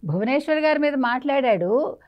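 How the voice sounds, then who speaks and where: A woman's voice: high voice, expressive, normal speed, dull audio. A woman journalist giving a heated, indignant interview in a scolding way.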